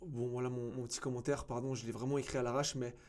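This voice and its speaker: A man's voice: medium pitch, little pitch movement, fast, darkish tone. A man, an agency founder giving blunt, sarcastic commentary on a cold email, with many fillers and restarts. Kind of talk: casual commentary to camera.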